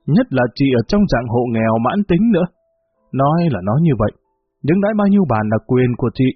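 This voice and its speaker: A man doing a calm old peacemaking woman. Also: medium pitch, fast talker, husky, dry recording. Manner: soothing, reasoning. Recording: tinny phone-like, faint music.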